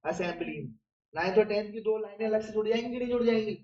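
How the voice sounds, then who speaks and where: A man's voice: sits high, fast talker, mellow, a little hiss or hum. A man teaching a biology lecture who keeps asking the class questions and answering them himself, using everyday examples. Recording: roomy, distant and dull-toned.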